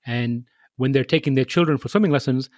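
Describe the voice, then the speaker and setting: Man, podcast host, measured delivery, mid pitch, dry close mic. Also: darkish tone, dry recording. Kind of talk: podcast interview.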